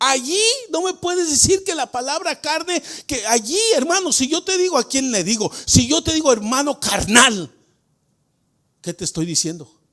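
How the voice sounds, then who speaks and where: A man preaching as pastor of a church, putting questions to the congregation and swinging between quiet explanation and shouted emphasis. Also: extremely high pitch, expressive, normal speed. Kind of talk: Spanish-language sermon. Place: church sanctuary.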